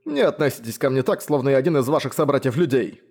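A man's voice: mid-range voice, animated, quick pace, a little mellow. A man voicing a vain, cowardly old vampire baron who talks in a pompous, indignant way.

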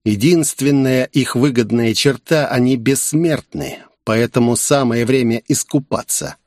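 A man reading a first-person story as an audiobook narrator, with an even, wry delivery. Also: mid-range voice, unhurried, no room sound, studio quality.

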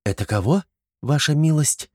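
A man's voice: on the high side, animated, normal speed, dry recording, pitched above the performer's own voice. Male reader doing a raised, puzzled young squire girl, literal-minded and eager, dry close audiobook sound. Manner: earnest, bewildered, literal-minded.

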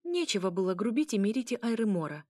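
A woman voicing a brash young noble mermaid woman, loud and commanding, laughing often. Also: medium pitch, very animated, fast, no echo, clean studio sound. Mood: boisterous.

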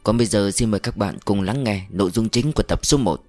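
A man narrating a mystery novel as an audiobook reader, in a calm, steady storytelling manner. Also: lowish voice, fast, soft background music.

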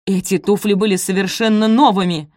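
A woman voicing a shrill, snapping stepmother. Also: lively intonation, moderate pace, darkish tone, no room sound, studio quality. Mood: furious. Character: stern haughty middle-aged stepmother.

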